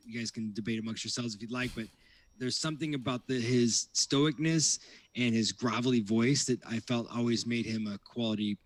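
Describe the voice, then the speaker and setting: A man in a casual podcast chat, speaking in a measured way and thinking aloud with fillers. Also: medium pitch, fairly even intonation, dry recording. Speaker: podcast co-host.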